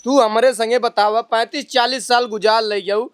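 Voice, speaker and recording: A woman's voice: a little high, fairly even intonation, normal speed, very noisy, natural voice. A woman with an Awadhi accent acting as a lecherous, stammering village father-in-law of about seventy in a comedy sketch. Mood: pleading. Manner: stammering, whiny, defensive.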